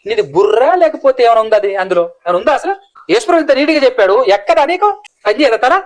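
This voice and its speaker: A man's voice: extremely high pitch, very animated, fast talker. A male preacher, delivering a fiery, scolding sermon full of rhetorical questions.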